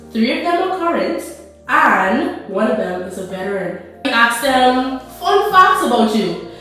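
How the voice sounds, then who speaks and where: A woman's voice: on the high side, a bit bright. A woman hosting an interview podcast and asking plain, prepared questions. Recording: echoey room with faint music.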